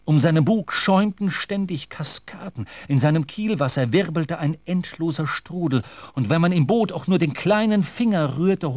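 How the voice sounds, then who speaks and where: A man narrating a radio drama in a measured, literary storytelling manner. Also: a little high, darkish tone, no echo.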